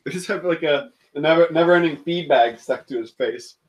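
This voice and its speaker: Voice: medium pitch, brisk. A tabletop game player in casual, joking chat.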